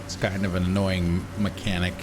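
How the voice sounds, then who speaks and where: A man giving casual gameplay commentary, thinking aloud in an unhurried way as a streamer. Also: sits low, level tone. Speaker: game streamer. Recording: game noise behind the voice.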